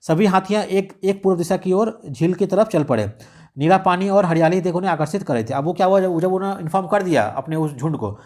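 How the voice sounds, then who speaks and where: A man's voice: sits high, expressive, fast talker, a little mellow. A man explaining a radio script lesson in a casual teaching style, mixing in English words and restarting often. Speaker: exam-prep teacher.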